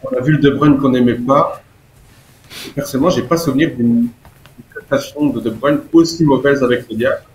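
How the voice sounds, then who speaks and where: A man's voice: medium pitch, brisk, darkish tone. A man giving a wry but earnest football verdict from a remote connection. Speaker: football pundit. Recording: roomy remote audio with faint noise.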